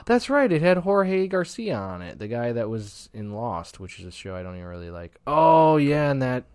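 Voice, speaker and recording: A man's voice: mid-range voice, big pitch swings, moderate pace, darkish tone, smooth. A man co-hosting a podcast, chatting casually and joking as he riffs on movies and TV. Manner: joking, playful, riffing. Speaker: podcast co-host. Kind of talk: casual chat over beers.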